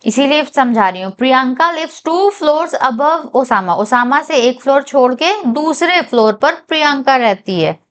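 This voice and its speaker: A woman teaching a whiteboard reasoning lesson, reading each English statement slowly and carefully and checking in with her viewers. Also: high voice, lively intonation, a bit bright. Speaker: reasoning tutor for bank exams.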